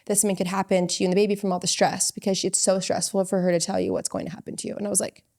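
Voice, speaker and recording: A woman's voice: medium pitch, level tone, racing, creaky, darkish tone. A woman hosting a podcast, talking earnestly and at length in a heartfelt conversation. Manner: earnest, rambling with fillers. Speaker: podcast host.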